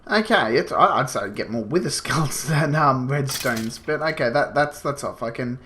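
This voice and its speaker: Mid-range and animated, his voice has a sharp tone and a moderate pace, with slight background noise behind it. The speaker is a gaming channel host with a slight cold who sniffles his way through casual gameplay commentary, rambling, explaining as he goes, and using many fillers.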